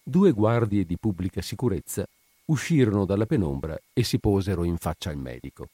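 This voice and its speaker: Low-voiced man narrating a story. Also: animated, mellow, husky, dry recording. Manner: measured, literary storytelling. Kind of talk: scripted narration.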